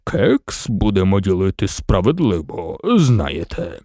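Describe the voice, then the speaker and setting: Storybook lion, drowsy and growly, very deep booming voice, slow drawl, voiced. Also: male voice, big pitch swings, warm tone, dry recording, clean studio sound, exaggerated voice. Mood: sleepy, lazy. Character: sleepy lazy lion with a deep booming bass.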